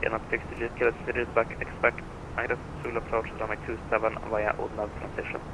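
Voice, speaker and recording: Speaking quickly and in a monotone, this man plays an air traffic controller on a flight sim network, reading out routine procedural instructions. His voice carries the sound of a radio transmission over a noisy, rumbling channel.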